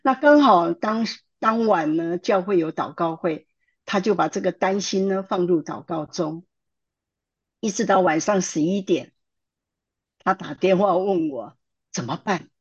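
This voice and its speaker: A middle-aged woman, a church counselor telling a testimony in lively sermon-style storytelling, with fillers and acted quotes. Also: on the low side, measured pace, slightly rough. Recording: dull lo-fi recording.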